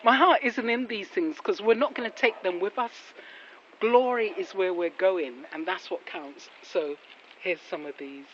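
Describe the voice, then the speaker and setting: A woman with a mid-range voice talks a little slowly during a casual walking vlog on a residential street after rain, filming on a handheld phone. She rambles through devotional reflections full of admiring exclamations, and the audio is muffled and noisy with traffic.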